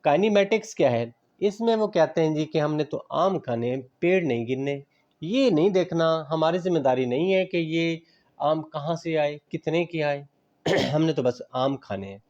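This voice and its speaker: A man's voice: a little high, normal speed, a little mellow, dull audio. A man giving a classroom lecture on physical education, explaining patiently with everyday examples, mixing in English terms and checking that students understand.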